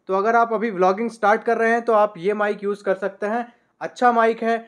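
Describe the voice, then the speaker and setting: A man in his twenties casually reviews his vlogging gear, showing each item while talking to the camera from a desk in a small room. He uses a podcast mic on a boom arm, sounds relaxed, and fills his pauses with lots of "uh".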